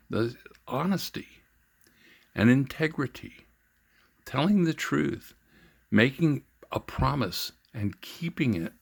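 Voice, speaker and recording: An older man telling his own story in an earnest, halting way, with frequent pauses and fillers. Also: lowish voice, vocal fry, breathy edge, no echo. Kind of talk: reflective personal storytelling.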